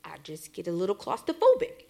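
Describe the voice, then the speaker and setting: A woman acting a gruff but nervous detective partner in a comedy radio play. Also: medium pitch. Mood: wary. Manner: deadpan, drawn-out mutters.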